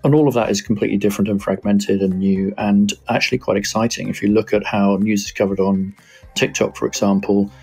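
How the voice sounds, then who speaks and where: A man speaking as a media researcher guest, explaining trends in a measured, analytical way with frequent asides. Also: fairly low pitch, darkish tone, breathy edge. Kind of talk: explanatory interview answers.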